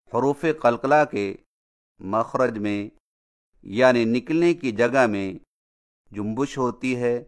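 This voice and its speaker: A man gives a recitation lesson in a smooth, resonant voice of ordinary pitch. He explains each rule calmly and steadily. Then he chants the example words slowly, stretching each one out. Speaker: Quran recitation teacher.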